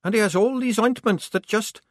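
In a clean studio recording with no room sound, a man voices a small young male soldier, pitching his voice higher than his own natural range. The character chatters breathlessly at normal speed, sounding eager.

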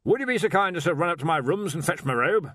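A man doing a booming, bossy old wizard. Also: lively intonation, fast talker, fairly bright tone, no echo, studio quality. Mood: blustering. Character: blustering older male wizard headmaster. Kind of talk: audiobook character voice.

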